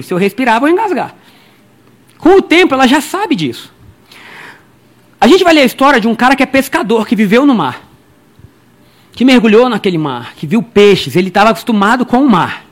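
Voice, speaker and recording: High-voiced joking male preacher. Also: very animated, brisk. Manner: chatty and joking, addresses listeners as brother; acts out quoted people in his stories. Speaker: pastor. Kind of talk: lively humorous sermon. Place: church.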